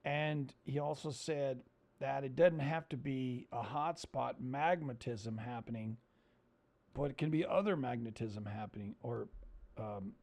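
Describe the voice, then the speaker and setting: A man with a gravelly, creaky voice hosts a loose screen-share chat. He rambles and hesitates, filling gaps with "um" and "uh" as he points things out. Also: mid-range voice, a little slow, a little mellow. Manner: rambling, hesitant with many fillers. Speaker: host.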